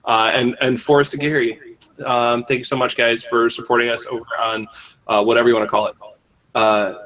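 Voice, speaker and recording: A man's voice: mid-range voice, flat delivery, a little fast, a bit bright. A man hosting a podcast in casual chat, joking, rambling and poking fun at himself. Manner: joking, rambling, self-mocking. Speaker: podcast host.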